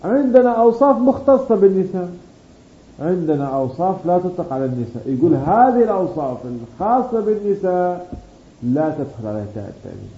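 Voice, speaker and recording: A man's voice: high-pitched, very animated, fast. A man teaching a grammar lesson, explaining patiently, drawing out key words, and asking and answering his own questions. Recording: dull roomy recording with faint background hum.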